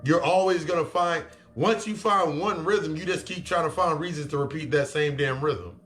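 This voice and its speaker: Faint music plays behind a slightly high, fairly bright male voice speaking at normal speed. Acting as a spiritual coach, he gives a crude, straight-talking self-help speech and repeats himself for emphasis.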